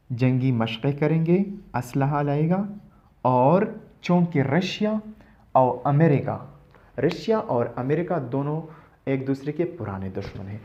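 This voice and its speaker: Brief: male online tutor, fairly high voice, patient and repetitive explaining, muffled lo-fi sound. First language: Pashto. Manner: repeats points, asks rhetorical questions. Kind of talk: explanatory lesson.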